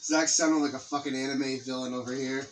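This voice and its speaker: A man's voice: mid-range voice, little pitch movement, a little fast, over loud music. A man chatting casually over a video game, teasing and swearing as he comments. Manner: sweary, teasing, laughs often. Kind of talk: casual chat over gameplay.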